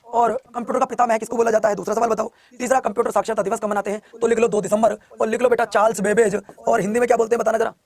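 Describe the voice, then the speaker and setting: Man, online exam coach, very high voice, rapid-fire, repeats questions, coaxing live class. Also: level tone. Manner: rapid, repeats questions, coaxes students to answer. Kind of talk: live class quizzing students.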